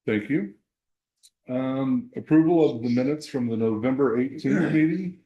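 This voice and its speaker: A man chairing a small town council meeting, running motions and votes in a brisk, plain-spoken way. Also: medium pitch, warm tone, highs cut off. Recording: echoey meeting room.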